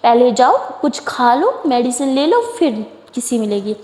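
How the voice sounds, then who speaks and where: A caring young woman in love scolds and fusses in a fond, bossy tone, as a woman reading the story plays her. Her high voice sits in a roomy, echoing space with a long tail. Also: very animated, unhurried, darkish tone. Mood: scolding. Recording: echoey room with long reverb.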